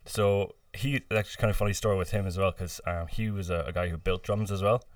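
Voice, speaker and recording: A man from near Boston, a podcast guest, telling stories in relaxed, casual chat with lots of fillers. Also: low-pitched, fast, dry recording, studio quality, recorded from a distance. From United States, near Boston. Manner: relaxed storytelling with many fillers and laughs.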